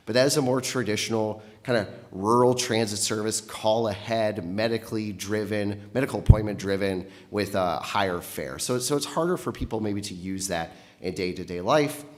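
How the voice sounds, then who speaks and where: A man presenting a year-end update to a county board, slightly out of breath from a cold, earnest and upbeat with frequent fillers. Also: fairly low pitch. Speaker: county transit executive director presenting. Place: public meeting room.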